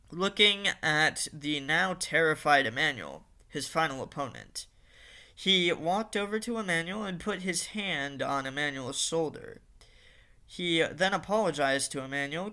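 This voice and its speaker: A man's voice: on the high side, pushed and bright. A man narrating a fan-made story in a casual reading style, with occasional fillers and restarts.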